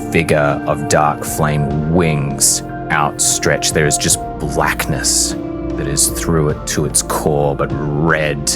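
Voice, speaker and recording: Speaking at an extremely low pitch, a man narrates a tabletop fantasy game as its game master. He is deliberate and portentous, leaving long dramatic pauses.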